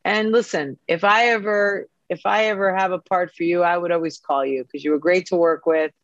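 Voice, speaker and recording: A woman's voice: on the low side, fairly even intonation, normal speed, no room sound, highs cut off. A woman hosting a podcast in casual chat, effusive and encouraging with her guest. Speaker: podcast host.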